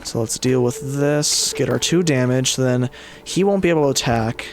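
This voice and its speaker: A man's voice: medium pitch, normal speed. A man giving casual commentary on a game playthrough, musing aloud as he goes. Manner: muses aloud, mildly swears. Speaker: gaming video player and commentator.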